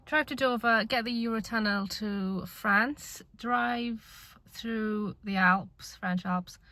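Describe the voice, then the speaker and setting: A woman's voice: a little high, steady tone, takes it slowly, no room sound. A young woman chatting casually as a travel vlogger, rambling with fillers while on a road trip. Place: in a car and on the road. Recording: muffled with loud road noise.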